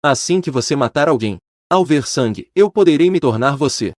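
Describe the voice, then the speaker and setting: A man voicing a scheming, menacing old male monk who speaks in slow, deliberate threats. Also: a little high, expressive, no room sound, clean studio sound, close to an everyday voice.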